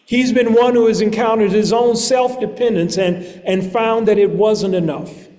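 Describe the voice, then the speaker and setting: A man preaching a sermon in a church, reading scripture and then speaking in a slow, measured way with deliberate pauses. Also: sits high, a little mellow. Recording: long reverb of a large hall.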